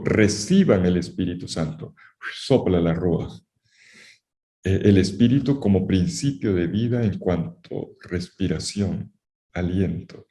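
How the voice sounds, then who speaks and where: A man with a low, mellow voice lectures on the Bible to a class, repeating his key phrases for emphasis. He turns to the students often and warns them directly. The recording sounds roomy and echoey.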